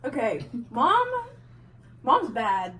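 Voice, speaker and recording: A woman's voice: fairly high pitch, huge pitch swings, very slow, fairly bright tone, distant mic. A young woman casually telling a funny family story, giggling as she talks. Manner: giggly, laughing through her story. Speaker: vlogger's sister.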